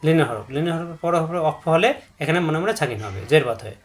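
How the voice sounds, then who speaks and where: A man gives a step-by-step Quran recitation lesson. He repeats each rule patiently and draws out example syllables to show their length. His voice sits somewhat high for a man. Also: expressive, quick pace. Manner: patient, repetitive, drawing out syllables to demonstrate.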